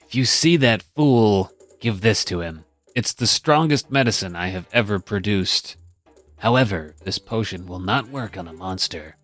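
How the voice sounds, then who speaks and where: A man's voice: fairly low pitch, expressive, normal speed, a bit bright, dry recording, soft background music. A man voicing a blunt, demanding old potion-shop crone in an amateur video game voice-over. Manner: blunt, commanding.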